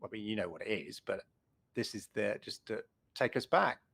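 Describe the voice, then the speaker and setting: A man's voice: on the low side, animated, normal speed, creaky, a bit bright, no echo. Chatty middle-aged male gaming co-host. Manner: chatty, enthusiastic, rambling with restarts. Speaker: co-host of a retro gaming show. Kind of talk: casual chat.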